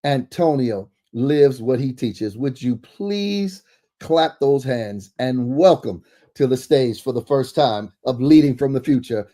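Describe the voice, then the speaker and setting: A man's voice: medium pitch, takes it slowly, warm tone. A man hosting a church talk show, introducing and interviewing a guest in a preacherly way, often saying amen.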